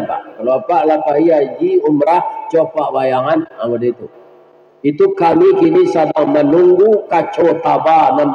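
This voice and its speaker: Lively Minangkabau preacher, echoey hall. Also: male voice, fairly high pitch. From West Sumatra. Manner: lively storytelling that jokes and talks directly to the congregation. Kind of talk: humorous sermon. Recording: dull lo-fi sound, echoey hall.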